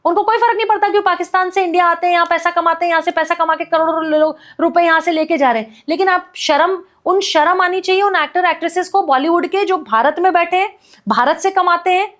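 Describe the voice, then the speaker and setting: A woman activist talking as a guest on a podcast, her voice pitched very high. She argues with heated conviction, piling up repeated phrases and rhetorical questions. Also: fairly even intonation, fast. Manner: forceful, repetitive rhetorical ranting. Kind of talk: impassioned podcast commentary.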